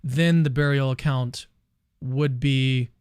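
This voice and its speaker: A man's voice: mid-range voice, fairly even intonation, takes it slowly, a little mellow, clear, resonant tone, no room sound, studio quality. A man interviewing a guest, asking rambling questions full of fillers and restarts. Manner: eager, hedging with uh and restarts. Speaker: interview host.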